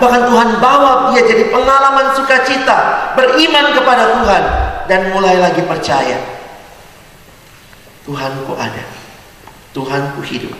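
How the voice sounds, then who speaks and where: A man's voice: high-pitched, fairly bright tone. A man giving a sermon-style Bible teaching to a fellowship audience, conversational and joking, telling stories as he goes. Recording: echoey hall, voice from far off.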